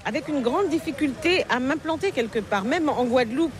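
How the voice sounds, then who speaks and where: A middle-aged novelist from Paris, France, is a guest in a casual interview conversation at an outdoor market among people. Her female voice sits high, is expressive and fairly quick, and she answers reflectively but hesitantly, with frequent "euh"s and restarts. Busy crowd chatter and passing vehicles fill the background.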